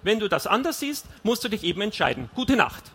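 Male narrator doing a bright, raised-pitch young wife, sarcastic and scolding, storybook reading. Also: very animated, brisk, breathy edge, full character voice. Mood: stern. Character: sharp-tongued young wife and mother, sarcastic.

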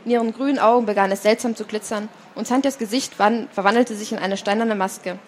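A woman reading a chapter of a novel aloud to a live audience at a fair stand, in steady storytelling. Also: on the high side, fairly quick, slight background noise. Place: book fair stand, indoors.

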